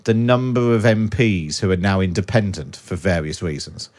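A man hosting a political radio podcast in a brisk, jokey, chatty way. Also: deep voice, animated, a little mellow. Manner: brisk, jokey, laughs often. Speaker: radio presenter.

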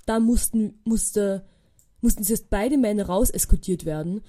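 A young woman, hosting a podcast and telling a story casually, with lively quoted dialogue and many fillers. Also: mid-range voice, normal speed. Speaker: podcast host.

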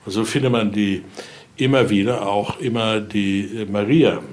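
At a normal speed and in a steady tone, an older man with a voice on the low side explains a collection's items conversationally from a researcher's perspective. His German includes non-native grammatical errors, and he often ends sentences with question tags.

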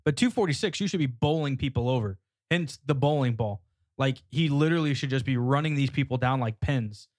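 A man co-hosting a casual sports podcast, chatty and quick to laugh, often repeating his words. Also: medium pitch, no room sound, clean studio sound. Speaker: podcast co-host.

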